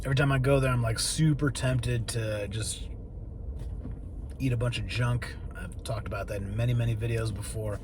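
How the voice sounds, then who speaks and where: A man with a mid-pitched voice records a casual vlog in a car on the road. He rambles candidly, coaching himself and swearing mildly. Heavy vehicle rumble and street noise run behind his words. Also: steady tone, normal speed. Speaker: vlogger. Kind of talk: casual rambling video diary talk.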